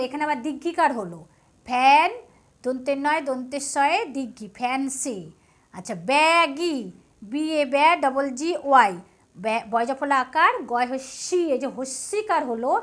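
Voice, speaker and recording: A woman teaching English spelling and pronunciation to students, explaining patiently step by step and often checking that they follow. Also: high voice. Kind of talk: spoken lesson to students.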